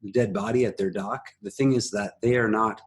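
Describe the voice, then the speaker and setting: A man hosting a conversational TV recap, explaining things in a halting way. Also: on the low side, fairly even intonation, slightly rough. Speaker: host of a TV recap show. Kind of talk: conversational episode analysis.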